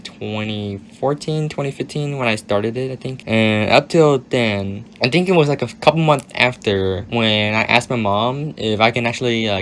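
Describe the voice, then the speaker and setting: A young man with a raspy voice answering viewer questions in a casual, hedging monologue that often trails off. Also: mid-range voice, fairly bright tone, a little hiss or hum.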